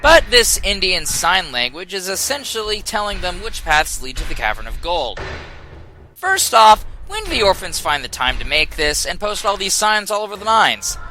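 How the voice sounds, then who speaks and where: A man's voice: high voice, sing-song, normal speed, sharp tone, soft background music. A man narrating a scripted comedic video game review in a sarcastic, exasperated way.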